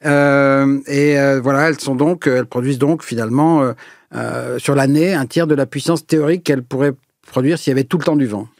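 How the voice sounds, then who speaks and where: A man's voice: medium pitch, steady tone, a little fast, no room sound, studio quality. A man answering interview questions as an energy expert, explaining at length with frequent hesitations and fillers. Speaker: energy researcher, guest.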